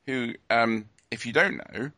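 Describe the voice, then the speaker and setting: A man's voice: medium pitch, measured pace, bright, forceful tone, dry recording, clean studio sound. A man hosting a casual podcast chat, hesitant and full of ums. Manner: hesitant, filler-heavy. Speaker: podcast host.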